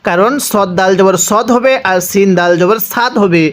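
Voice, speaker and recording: A man's voice: sits high, normal speed. A man from Bangladesh, a Quran teacher, spells out each letter and vowel mark one by one and asks and answers his own questions.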